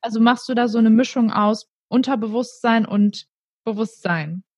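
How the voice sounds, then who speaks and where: A woman's voice: on the high side, moderate pace, no room sound. A woman interviewing a guest, asking long, careful questions with fillers. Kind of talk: conversational interview.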